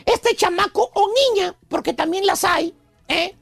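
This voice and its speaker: A man's voice: extremely high pitch, a little slow, vocal fry, fairly bright tone, dry recording, clean studio sound, soft background music. A man hosting a radio comedy bit, calling everyone brother and son. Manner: theatrical, calls listeners brother and son. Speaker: radio show host. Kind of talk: comic preacher-style radio monologue.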